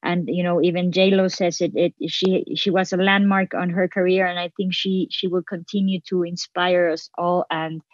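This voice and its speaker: A woman's voice: lowish voice, level tone, normal speed, few pauses, no echo, lo-fi sound. A woman from Mexico with a Mexican accent, a filmmaker guest speaking earnestly in a radio interview, often restarting her words.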